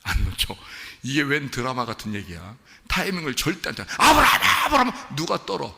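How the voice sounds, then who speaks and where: A man, a pastor, delivering an animated sermon, telling the story like a drama and acting out the voices he quotes, moving between casual and formal speech. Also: medium pitch, a little fast, gravelly, background noise. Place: church. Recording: long hall reverb.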